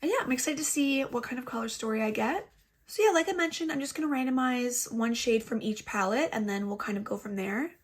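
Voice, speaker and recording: Recorded on a laptop's built-in microphone at what sounds like home, this woman walks through a makeup tutorial in a chatty, self-mocking way. Her voice is a touch high, husky, a little fast, and noticeably stuffy from congestion.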